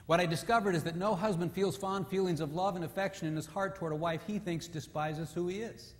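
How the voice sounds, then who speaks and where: A male preacher giving an animated, story-driven sermon, dropping low and quiet for emphasis. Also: a little fast. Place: church sanctuary. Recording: long church hall reverb.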